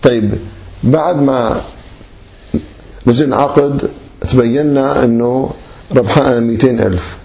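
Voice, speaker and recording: Warm-voiced man lecturing. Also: mid-range voice, unhurried, vocal fry, long pauses. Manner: addresses listeners as brothers, poses and answers his own questions. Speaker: teacher of Islamic law. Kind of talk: classroom lecture.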